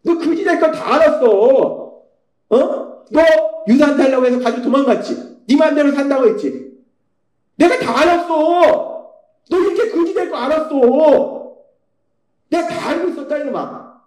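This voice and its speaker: Man doing a berating father, shouting, high-pitched, echoey church hall. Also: a little slow. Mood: scolding. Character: angry scolding middle-aged father.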